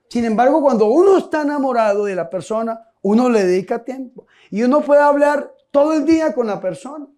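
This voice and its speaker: A man's voice: extremely high pitch, mellow. A priest giving a humorous sermon, telling folksy stories and asking his listeners direct questions.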